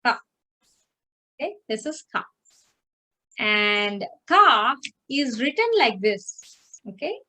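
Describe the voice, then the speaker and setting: A woman's voice: on the high side, sing-song, takes it slowly, long pauses, bright, forceful tone. A woman teaching a beginner language class over a video call, patiently explaining and checking in with her students. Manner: patient, repeats and checks with "okay?". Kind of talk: online class instruction.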